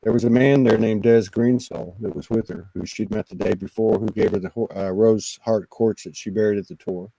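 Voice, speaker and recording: Low mellow guy telling a heartfelt story, halting and earnest, dry close sound. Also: steady tone, creaky, dry recording, rough recording. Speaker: guest on a spiritual talk show. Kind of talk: personal storytelling in casual conversation.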